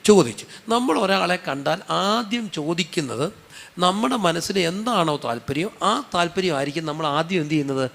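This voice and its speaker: A high-pitched man with a Malayali accent delivering a sermon. He keeps asking his listeners questions and answers them himself. His talk is conversational and dotted with humorous asides. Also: animated, fairly quick, gravelly, fairly bright tone, in a large hall. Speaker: preacher.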